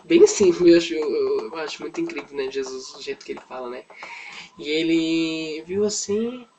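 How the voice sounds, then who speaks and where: A man's voice: fairly high pitch, moderate pace, darkish tone, a little hiss or hum, rough recording. A man, telling a Bible story to children in a chatty, informal way and lightly acting out the quotes. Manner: chatty, often adds "né", acts out quotes lightly. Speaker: children's Sunday school teacher. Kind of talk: casual Bible story lesson for kids.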